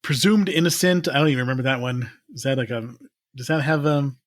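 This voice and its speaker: Laughing, rambling podcast host. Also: male voice, medium pitch, a little fast, no room sound, clean studio sound. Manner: rambling, laughs often, many restarts. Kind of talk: casual chat.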